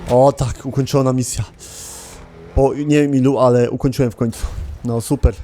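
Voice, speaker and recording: A man's voice: medium pitch, fairly even intonation, moderate pace, warm tone, faint music behind. A man hosting a gaming channel, giving casual gameplay commentary, chatting to his viewers and swearing often.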